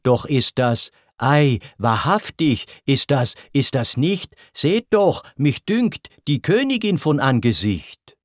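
Brief: curious gossiping villagers, voiced by a man, excited questions, slow verse. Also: mid-range voice, no room sound, studio quality, pitched above the performer's own voice. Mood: wondering. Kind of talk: verse poem recitation.

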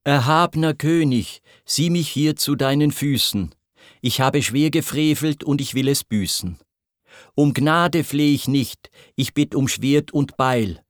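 A man voicing a proud titan brought low, speaking in anguished, pleading verse. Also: slow, no room sound, studio quality, natural voice.

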